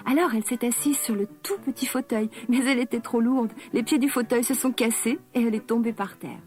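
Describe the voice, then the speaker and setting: A woman narrating a children's fairy tale in a gentle, expressive way. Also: fairly high pitch, brisk, faint music behind. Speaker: storyteller.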